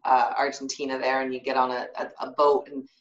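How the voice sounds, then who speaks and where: Woman host, low voice, distant muffled room recording, talkative. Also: completely flat delivery, a little fast, echoey room. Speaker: interview host. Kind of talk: casual interview chat.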